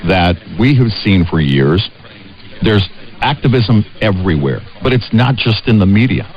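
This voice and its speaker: An American man co-hosting a conversational political talk radio show, speaking emphatically with halting restarts and repeated short phrases. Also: on the low side, very animated. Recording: dull, band-limited radio sound.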